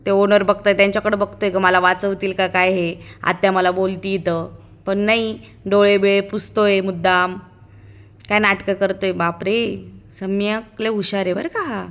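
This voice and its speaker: Woman, vlog voice-over, chatty, amused commentary, mid-pitched voice. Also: level tone, moderate pace. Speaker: vlogger, the child's aunt. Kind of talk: casual vlog voice-over narration.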